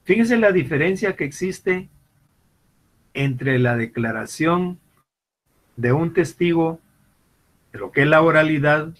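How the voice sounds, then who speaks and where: A man's voice: on the high side, expressive, slow, long pauses, fairly bright tone, poor audio. A man giving a university law lecture. He often repeats and restarts words, and he acts out little everyday scenes in quoted voices to explain his points. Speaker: law professor. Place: classroom or online class.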